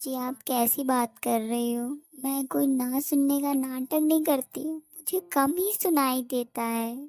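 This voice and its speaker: A woman's voice: high-pitched, steady tone, takes it slowly, darkish tone, no room sound. A woman voicing a kind, polite young daughter-in-law who is hard of hearing. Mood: earnest. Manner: polite, sweet, earnest.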